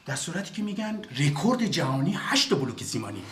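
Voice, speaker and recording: A formal flattering admirer. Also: male voice, fairly high pitch, reverberant, slight background noise.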